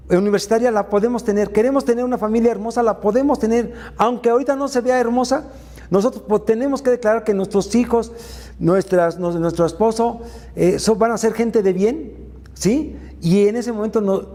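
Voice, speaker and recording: High-voiced man preaching faith. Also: dark tone, in a large hall. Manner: retells Bible stories with many filler sounds. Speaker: faith mentor and speaker. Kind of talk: motivational faith talk.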